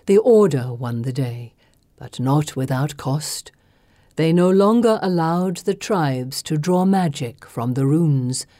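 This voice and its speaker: A woman voicing an ancient, sorrowful serpent-haired female creature, the last of her kind, telling her story slowly and gravely. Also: low voice, dark tone, dry recording, clean studio sound. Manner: slow, grave, weary storytelling.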